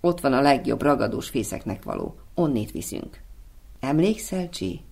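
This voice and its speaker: A tender little female swallow in a storybook, fond of her mate and quick to worry, as a man reads her aloud. The reading is soft and gentle. The voice is a little gravelly and sits at a middle pitch. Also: expressive.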